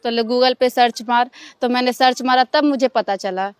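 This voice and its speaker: A young woman talks through her answers with frequent fillers and restarts. Her voice sits a little high and comes out smooth and clean. The sound is dry and close, with no room around it. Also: steady tone, no echo. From Bihar, India. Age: young adult. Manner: halting, many fillers and restarts. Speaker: stage dancer, interview guest. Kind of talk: casual interview answers.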